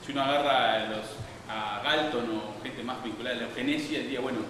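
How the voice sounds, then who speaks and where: A man gives a public science lecture, wandering through his points with frequent restarts and fillers. He sounds distant from the microphone in a very echoey hall. A steady noise sits behind his voice. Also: mid-range voice, quick pace. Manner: digressive, many restarts and fillers.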